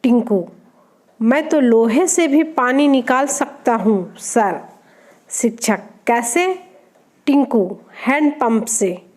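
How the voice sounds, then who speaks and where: A woman's voice: fairly high pitch, slow, darkish tone. A woman reading short jokes aloud, naming each speaker before their line. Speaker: joke reader.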